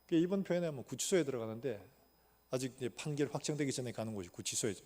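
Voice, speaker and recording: A man's voice: medium pitch, lively intonation, quick pace, warm tone. A male pastor preaching a sermon, telling a story animatedly and acting out the dialogue. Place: church sanctuary.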